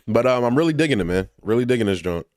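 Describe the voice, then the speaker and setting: A man's voice: mid-range voice, darkish tone, dry recording, clean studio sound. A man reacting to and reviewing music in a casual, slangy way, full of fillers. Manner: laid-back and slangy, heavy with fillers.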